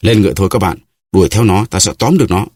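A man reading an audiobook, voicing a grave, calm male musketeer with a measured delivery. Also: sits low, husky, no room sound, clean studio sound.

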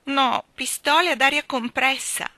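Brief: eager young girl, higher and bright, read by a woman. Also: fairly even intonation, a little slow, no room sound. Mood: excited. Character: young girl Jane, sick in bed, eager.

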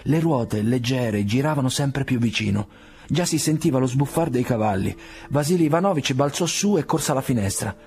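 A male reader giving a measured, theatrical audiobook reading of a classic novel. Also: medium pitch, animated, a little mellow.

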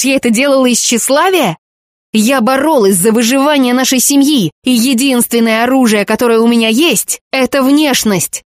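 A woman's voice: on the high side, no echo, clean studio sound, close to an everyday voice. A woman voicing a desperate widowed mother with a cracked, harsh voice in an audiobook. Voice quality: cracked, harsh when shouting. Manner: bitter, pleading, then fierce. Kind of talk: audiobook character reading.

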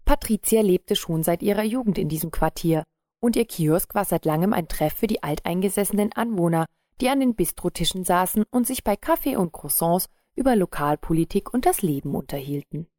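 A woman narrating a story in a calm, measured reading. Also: fairly low pitch, dry recording, studio quality. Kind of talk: scripted audiobook narration.

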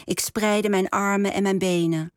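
A woman author being interviewed about her novel, reading passages aloud in a slow, measured voice. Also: mid-range voice, steady tone, no room sound, studio quality.

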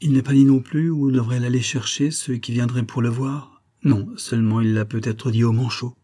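A man's voice: mid-range voice, fairly even intonation, normal speed, mellow, lightly acted. A man reading an audiobook, voicing a polite middle-aged woman concierge who answers plainly. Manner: polite, matter-of-fact.

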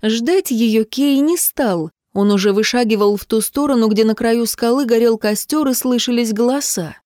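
A woman narrating a novel in an even, measured reading voice. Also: on the high side, dry recording, studio quality. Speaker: audiobook narrator.

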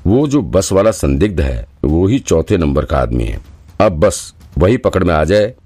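A man's voice: low-pitched, big pitch swings, measured pace, warm tone, breathy edge, heavily acted. A man voicing a tough, short-tempered male detective in an audiobook, curt and menacing. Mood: thoughtful.

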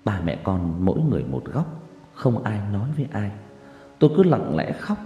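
A man's voice: on the low side, big pitch swings, normal speed, mellow, dull audio. A man narrating a sad first-person story in a mournful, dramatic way, recorded with long echoing reverb over faint music.

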